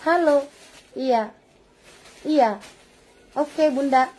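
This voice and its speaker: A woman's voice: high voice, extremely slow, a little mellow. A woman imitating a young female shop admin who answers calls in short, clipped phrases. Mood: terse.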